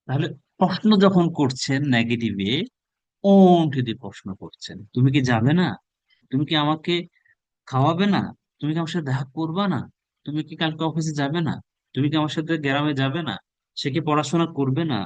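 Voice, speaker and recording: A Bangladeshi man teaching a spoken English class, drilling phrases through rapid repetition. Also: a little high, no echo, dull audio.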